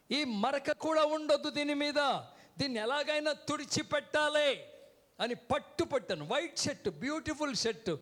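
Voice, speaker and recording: A man's voice: extremely high pitch, a bit bright. A man preaching a sermon from a church stage, calling out to the congregation and having them repeat words back. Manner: keeps calling out "hello" to the crowd. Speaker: guest preacher. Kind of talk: sermon with call-and-response.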